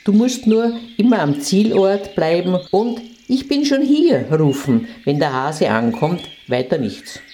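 A woman's voice: on the low side, big pitch swings, a little slow, hardly any pauses, mellow. A woman voicing a clever, cheerful little male hedgehog in a storybook reading, in an eager manner. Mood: defiant.

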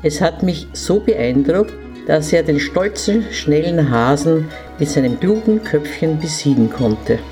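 A woman reading a fairy tale to children, in a gentle manner and speaking to them directly. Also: low-pitched, lively intonation, unhurried, few pauses, faint music behind.

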